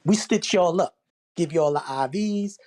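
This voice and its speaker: A man's voice: high-pitched, measured pace, a little mellow. A man talking casually on a live panel, insistent and repeating himself. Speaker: panelist, military medical veteran.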